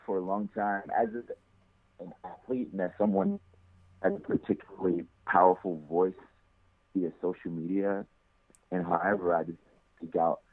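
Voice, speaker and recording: Deep man on a buzzy, glitchy call. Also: expressive, normal speed, long pauses, no echo. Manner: upbeat, earnest, repeats words while searching. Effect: buzzy, glitchy call audio that breaks up. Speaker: interview guest, athlete. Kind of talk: casual remote interview. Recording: tinny, dry phone-like call line.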